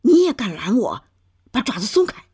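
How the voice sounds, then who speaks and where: A woman voicing a quick-tempered mother from the city who scolds in sharp, raised outbursts. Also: lowish voice, huge pitch swings, husky, heavily acted. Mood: furious.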